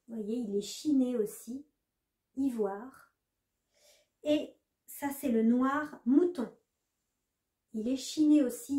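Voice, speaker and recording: A woman's voice: fairly high pitch, warm tone. A woman knitting vlogger chatting casually to the camera, hesitant, with many fillers. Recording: echoey room.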